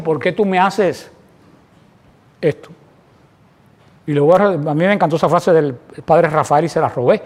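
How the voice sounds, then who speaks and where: Guy with a pretty high voice preaching, chatty sermon style, keeps throwing out questions. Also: darkish tone. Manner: asks rhetorical questions and acts out everyday prayers. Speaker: preacher leading a Bible study.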